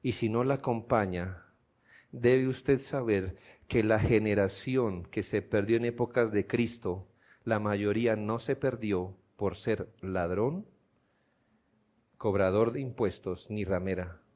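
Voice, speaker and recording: A man with a Colombian accent preaching a sermon as pastor in a church, asking his listeners rhetorical questions and building to loud, emphatic peaks. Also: on the low side, slow. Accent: Colombian Spanish.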